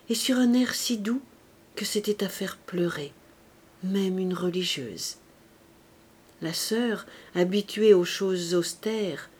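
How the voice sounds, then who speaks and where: A woman narrating a classic novel as an audiobook, measured and expressive. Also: mid-range voice, slightly rough. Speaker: audiobook reader.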